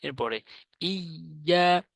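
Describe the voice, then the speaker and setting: A man teaching how to recite, explaining in plain speech and then chanting verses slowly with long drawn-out vowels. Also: on the high side, gravelly, fairly bright tone, no echo. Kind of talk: spoken lesson with slow chanted recitation. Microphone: audio only, no camera.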